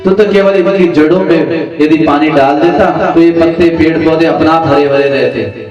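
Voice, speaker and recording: A man's voice: a little high, normal speed, lo-fi sound, close to an everyday voice. Mother who loves her garden, lamenting and chiding; a man doing her, heard from a distance. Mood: scolding. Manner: scolding, lamenting. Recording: echoey room, distant mic, sitar music.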